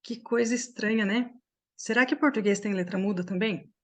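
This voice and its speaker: A woman from Brazil leads an online language class through a computer microphone, her voice sitting at an ordinary middle pitch. She explains each point step by step and keeps checking that her students are following. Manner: explains slowly with many checking questions. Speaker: English teacher.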